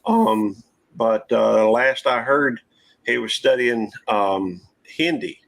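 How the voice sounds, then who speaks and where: A man's voice: mid-range voice, expressive, slow, gravelly, fairly bright tone. A man, hosting a casual live-stream panel chat in a folksy, rambling drawl. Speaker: channel host.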